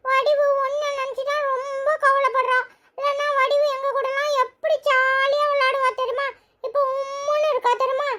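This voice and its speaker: A woman voicing a chatty, teasing little village boy in a cartoon, with a squeaky, giggly voice. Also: flat delivery, moderate pace, heavy background noise. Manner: teasing, rambling, singsong. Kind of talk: cartoon storytelling.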